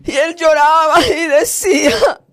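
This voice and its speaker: A woman's voice: sits high, steady tone, no room sound, studio quality. A woman preacher giving an emotional testimony sermon, fervent and emphatic, breaking in with hallelujahs. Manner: slow, emphatic delivery.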